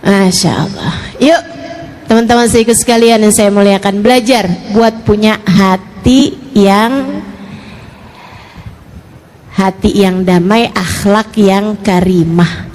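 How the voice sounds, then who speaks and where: A woman preacher giving a lively sermon to women, swinging between soft low asides and bright raised questions, and playing out quick imagined exchanges with her listeners. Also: a little hiss or hum. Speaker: female preacher.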